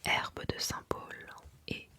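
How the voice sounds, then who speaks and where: An ASMR reader whispering softly in an unvoiced, breathy voice, reading aloud carefully with deliberate pauses.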